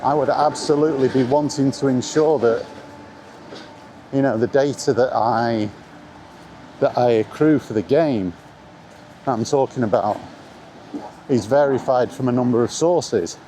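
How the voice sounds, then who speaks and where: Walking outdoors in the rain, a middle-aged video blogger talks retro games with casual bluntness, repeating his points to emphasize them. His warm, medium-pitched voice moves at a measured pace with frequent pauses, and the recording carries noisy outdoor ambience.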